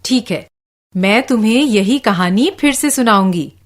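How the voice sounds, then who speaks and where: An actress playing a patient aunt who retells a story to children in a radio lesson, reading very slowly and clearly like a teacher. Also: female voice, on the high side, lively intonation. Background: background music.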